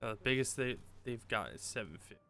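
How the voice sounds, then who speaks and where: Male streamer, medium pitch, offhand gameplay commentary, dry sarcasm and swearing, light music bed. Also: expressive, fast talker, bright, forceful tone. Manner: sweary, sardonic. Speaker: game streamer.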